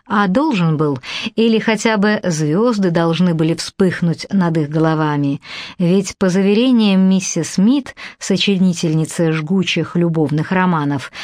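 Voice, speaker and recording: A woman reading a biography aloud as an audiobook narrator, in calm, even storytelling. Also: on the low side, dry recording, clean studio sound. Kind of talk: scripted narration.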